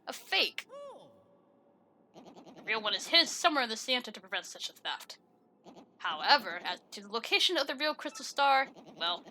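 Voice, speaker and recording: A woman's voice: on the high side, bright, forceful tone, a little hiss or hum. A woman reading aloud as a pompous male penguin detective with stately, over-formal phrasing, reading the game's dialogue.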